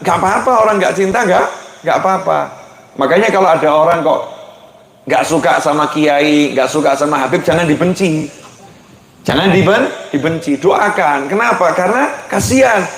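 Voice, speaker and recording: Playful preacher, echoey hall. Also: male voice, a little high, normal speed, a bit bright. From Indonesia. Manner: playful, chatty, slips into Javanese and laughs often. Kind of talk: lively Islamic sermon. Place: large mosque hall.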